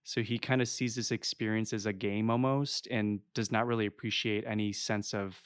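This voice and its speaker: A man's voice: on the low side, steady tone, smooth, no echo, studio quality. A man co-hosting a podcast, recapping a film scene in an affable, easygoing way. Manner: affable, quick to laugh and agree. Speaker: podcast co-host. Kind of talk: casual film breakdown chat.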